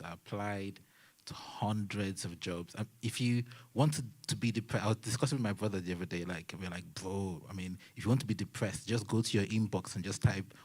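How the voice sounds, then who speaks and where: Male panelist, 30s, low voice, relaxed storyteller with humorous asides. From Nigeria. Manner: chatty storytelling with self-mocking asides and laughs. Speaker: panelist, technology consultant. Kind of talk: panel testimony at a church young adults session.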